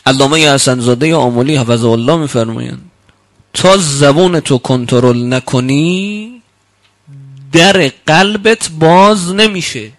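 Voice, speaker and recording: A man preaching a sermon, quoting Arabic sayings slowly and then explaining them, with emphatic rebukes that climb loud and high.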